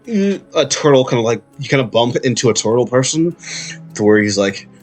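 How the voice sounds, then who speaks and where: A man's voice: medium pitch, animated, a little fast, a little mellow, soft background music. A man running a tabletop game as its game master, speaking casually and directly.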